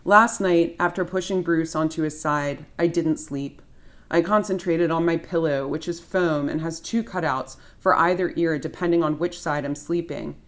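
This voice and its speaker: A woman author reading her memoir aloud at a university event, in a dry, wry storytelling manner. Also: sits low. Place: university writing center.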